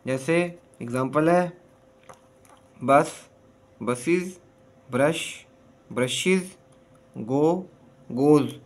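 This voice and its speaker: A man from Pakistan, teaching a textbook lesson slowly. He reads English lines and then explains them in Urdu. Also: medium pitch.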